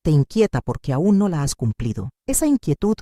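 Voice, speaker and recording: A woman narrates a devotional message in a dramatic, emphatic preaching style. Her pitch rises and falls widely, while her tone stays dark and mellow. The recording is dry and close. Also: big pitch swings, brisk, no echo.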